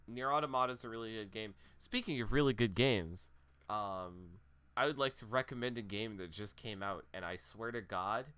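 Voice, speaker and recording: Hosting a live tabletop game stream, a man chats casually with the players and mocks himself in jest. He speaks at normal speed in a low, sharp-toned, smooth voice.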